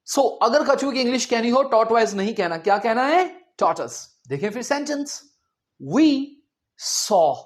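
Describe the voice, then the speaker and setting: A man from India teaching English pronunciation, who says each word slowly several times and quizzes the listener. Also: high voice. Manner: drills words slowly, repeating them and quizzing the listener. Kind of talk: spoken language lesson.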